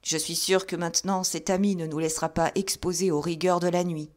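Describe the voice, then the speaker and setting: A woman voicing a friendly, self-assured male detective who speaks calmly. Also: on the low side, brisk, close to an everyday voice. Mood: affable. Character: cool, affable male detective.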